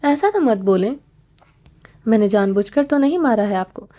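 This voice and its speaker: A woman voicing an impulsive, quick-tempered young wife who pleads, scolds and teases in a romance audiobook. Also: mid-range voice, expressive, warm tone, pitched below the performer's own voice, close to an everyday voice. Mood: worried, pleading. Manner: pleading then scolding, teasing.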